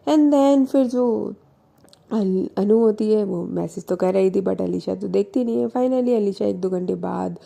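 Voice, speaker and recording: A woman's voice: medium pitch, a little slow, gravelly, warm tone. A woman narrating a love story in a chatty, casual way, sprinkling in English words.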